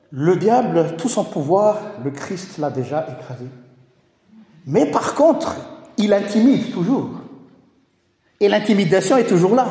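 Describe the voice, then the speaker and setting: A man's voice: high voice, warm tone. A man preaching a sermon, explaining scripture and addressing the congregation directly. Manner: teaching, rhetorical, addresses the congregation. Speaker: pastor. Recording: echoey hall with long reverb.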